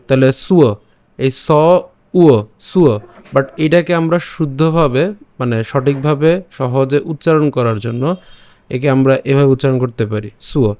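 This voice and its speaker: A man teaching an online lesson, patiently breaking words down and repeating them slowly, syllable by syllable. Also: mid-range voice, a little mellow, smooth, no echo. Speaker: Gita recitation teacher.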